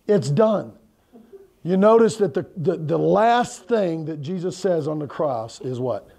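A man's voice: a little high, lively intonation, unhurried, creaky, warm tone. A middle-aged man preaching a sermon in a church hall, talking conversationally and putting questions to his congregation. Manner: moves around and gestures while preaching. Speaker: pastor. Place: church hall with a projection screen.

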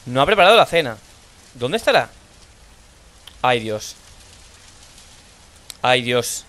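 A young man with a Spanish accent from Spain, playing a horror game and thinking aloud in low mutters, now and then shouting out. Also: big pitch swings, slow pace. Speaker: gaming streamer. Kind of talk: horror let's play commentary.

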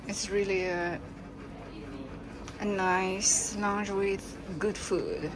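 Slow-talking woman on an airport walk. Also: medium pitch, flat delivery, poor audio. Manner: slow, halting, simple phrasing. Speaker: travel vlogger. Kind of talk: casual walking-tour narration. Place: large indoor airport terminal. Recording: busy terminal noise behind.

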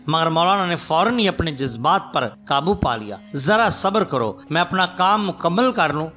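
A man narrates a story in a formal, scripted manner with a bright, forceful voice pitched somewhat high. Soft music plays quietly underneath. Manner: formal, even storytelling delivery.

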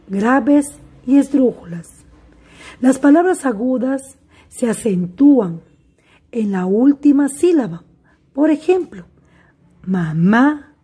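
Slow husky woman teaching a class. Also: high voice, mellow. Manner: slow, deliberate, addresses pupils directly. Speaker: primary school teacher. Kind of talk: recorded remote class lesson.

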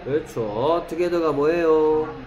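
A man teaching an English lesson in a classroom, checking often whether students follow and reading example sentences out slowly. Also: fairly high pitch, muffled recording, a crowd in the background. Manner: keeps checking understanding with short questions.

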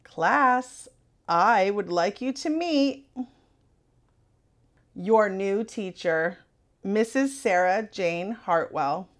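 A woman's voice: lively intonation, very slow, pauses often. A woman voicing an effusive, bustling female school principal in a storybook. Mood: announcing. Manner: effusive, high-swooping.

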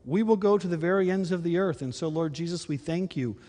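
Upbeat pastor in a reverberant church. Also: male voice, a little high, brisk, mellow. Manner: friendly, upbeat announcing with fillers. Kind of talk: church announcements and prayer. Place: large church sanctuary. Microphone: handheld microphone. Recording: long reverb of a church hall.

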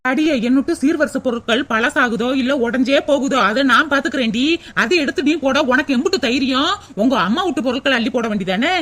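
A woman's voice: high-pitched, fast talker, a bit bright. A woman voicing a hot-tempered sister-in-law in a cartoon, sarcastic and snapping. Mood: angry. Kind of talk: Tamil cartoon dubbing.

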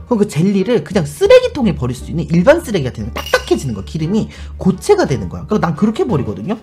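A man hosting a casual storytelling vlog, chatty and animated, acting out the people he quotes. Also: high voice, racing, faint music behind. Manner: chatty, many fillers, addresses viewers. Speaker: YouTuber host.

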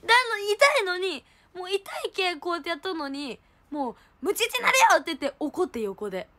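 High lively young woman, animated storytelling on a livestream. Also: fairly quick. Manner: animated storytelling, laughing, exclaiming. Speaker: idol livestream host. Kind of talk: casual chat.

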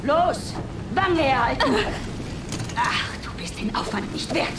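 Shrill, cruel female general. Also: sing-song, measured pace, roomy sound, exaggerated voice. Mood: scornful. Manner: taunting, barking, theatrical. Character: cruel, sadistic, domineering female military general. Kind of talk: German video game dub acting. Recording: distant, noisy, vehicle-like rumble.

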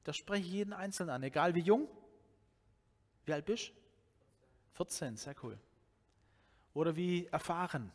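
A man's voice: fairly high pitch, moderate pace, pauses often. A man in his forties from Swabia with a Swabian German accent, preaching a sermon in a loose, conversational way, often restarting his sentences, speaking into a headset mic in a church hall. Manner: conversational, animated, with many restarts and fillers. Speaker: pastor.

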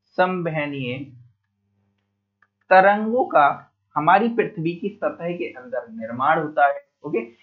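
A man giving a geography lesson, often repeating key terms and putting questions to the class, casually calling his listeners "brother.". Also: fairly high pitch. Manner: casual, addresses listeners as "bhai". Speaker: teacher. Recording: phone-like narrow sound.

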